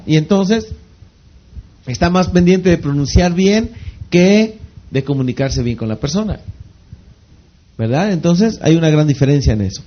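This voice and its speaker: A man giving a motivational training talk on network marketing, repeating phrases for emphasis and constantly asking the audience rhetorical questions that he answers himself. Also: high voice. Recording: slightly dull lo-fi recording.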